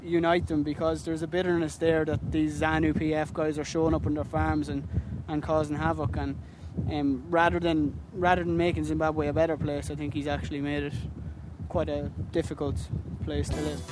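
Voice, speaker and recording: Flat-voiced man, outdoors with noise. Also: on the high side. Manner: thoughtful, hesitant, lots of pauses. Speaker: traveller. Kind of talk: casual chat.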